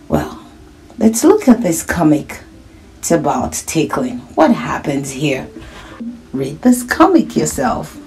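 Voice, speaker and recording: In a fairly low, gravelly voice, a woman reads aloud to children. She keeps things animated and encouraging, addressing her young audience directly with small check-in questions.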